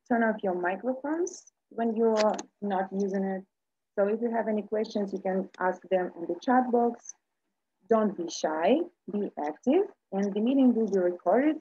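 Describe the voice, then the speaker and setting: Mellow Kazakhstani woman, muffled noisy call. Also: medium pitch. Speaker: webinar co-host. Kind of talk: prepared welcome and announcements. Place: video call.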